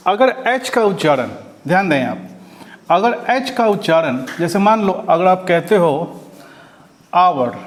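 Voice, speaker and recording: A man from India teaching English grammar to students, explaining step by step, asking rhetorical questions and checking in often. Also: high voice. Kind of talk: classroom grammar lesson.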